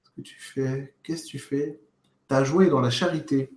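Man, relaxed livestream coach; loose, direct, lots of fillers; roomy echoing home room. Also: medium pitch, moderate pace. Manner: spontaneous, thinks aloud with many fillers and restarts; direct, addresses the viewer as tu. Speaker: spiritual coach answering viewer questions. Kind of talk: casual livestream Q&A. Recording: roomy echo.

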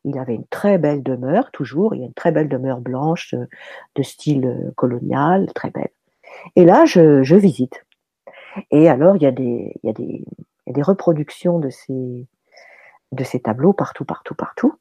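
A woman who trains mediums, telling a personal story in a casual, animated chat full of fillers and restarts. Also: rumbling low, normal speed, breathy edge, no room sound. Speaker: medium teaching soul passage.

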